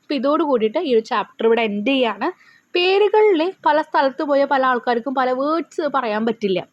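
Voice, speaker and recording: High-voiced Malayali woman teaching a lesson. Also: expressive, no room sound. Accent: Malayali English. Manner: reads English text slowly and deliberately, explains in quick chatty asides. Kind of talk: bilingual textbook lesson, reading English lines then explaining. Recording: dull, slightly lo-fi close recording.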